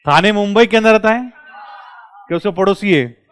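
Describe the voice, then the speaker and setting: A male commerce tutor, lecturing a classroom and quizzing his students with quick questions. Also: high voice, a bit bright, clean tone.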